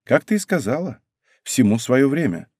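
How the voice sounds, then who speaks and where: A man's voice: medium pitch, sing-song, normal speed, a little mellow, husky, no echo, clean studio sound. A man voicing a persistent, curious young woman who talks in a determined way. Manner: pushy, determined.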